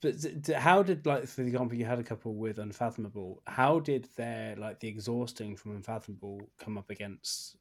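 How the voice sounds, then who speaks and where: A man interviewing casually, asking questions in a halting way and repeating his phrases as he goes. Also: mid-range voice.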